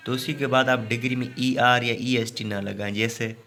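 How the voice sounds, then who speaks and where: A man teaches a grammar class in a voice of middling pitch. He walks through each rule patiently, pauses to check with his students, and slows right down whenever he reads out an example sentence. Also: steady tone, bright, forceful tone. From Pakistan. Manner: explains step by step, often adds a checking "okay".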